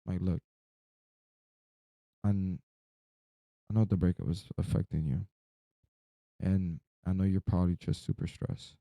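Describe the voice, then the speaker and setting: A young man with a deep, very dark and relaxed voice rambles in a sleep-deprived, drowsy way. He tells a personal story in casual slang with loose swearing. The sound is dry and close, with hardly any room to it. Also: measured pace, vocal fry, long pauses, no room sound.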